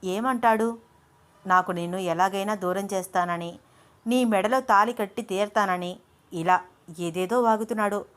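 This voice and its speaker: Read by a woman narrator, a calm young man in an audio story talks things through with patience and affection, his tone even and reasoning. The voice stays near her middle pitch, smooth and close to everyday speech, at a measured pace with frequent pauses.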